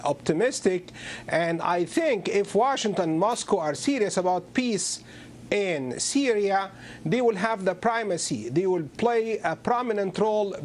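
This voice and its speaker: A man speaking as a guest analyst in a televised panel debate, deliberate and pausing often with fillers. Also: sits high, slight background noise.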